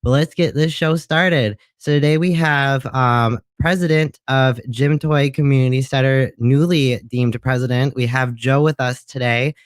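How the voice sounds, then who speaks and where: A man hosting a casual livestream show, chatty and relaxed, with many ums. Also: mid-range voice, measured pace, few pauses, no room sound, clean studio sound.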